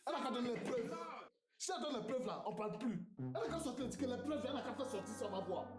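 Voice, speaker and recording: A cocky husband talks back in a high, lively, mocking voice with an Ivorian French accent. He speaks fast and bounces all over his range. The recording sounds roomy, with music behind it. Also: a crowd in the background. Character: defiant cheating young husband, cocky.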